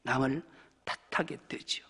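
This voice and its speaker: A male pastor preaching a sermon, swinging between loud exclamations and hushed whispers. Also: moderate pace. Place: church sanctuary. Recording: church hall with long reverb.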